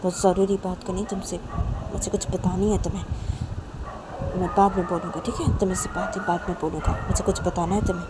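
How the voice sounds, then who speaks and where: A woman voicing a secretive young man who urges quietly and repeats himself, with traffic noise behind. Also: fairly low pitch, little pitch movement, fairly quick, natural voice. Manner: hushed, repetitive urging.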